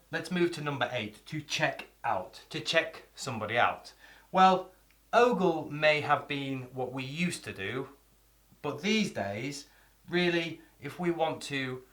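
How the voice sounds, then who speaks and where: A man's voice: fairly high pitch, bright, forceful tone. A man teaching English vocabulary in a chatty video lesson, acting out little example lines as he explains.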